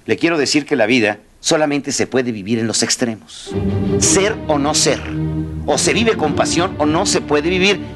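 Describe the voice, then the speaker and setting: A man's voice: a little high, normal speed, loud music behind the voice. A man giving a motivational talk, telling a story and speaking straight to the audience. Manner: animated, addresses the audience directly.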